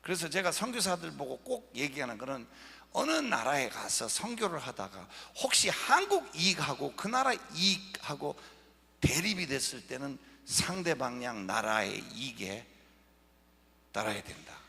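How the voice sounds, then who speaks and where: A man giving an animated lecture over slides, joking with the audience. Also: mid-range voice, normal speed, vocal fry. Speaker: guest lecturer. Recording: echoey lecture hall.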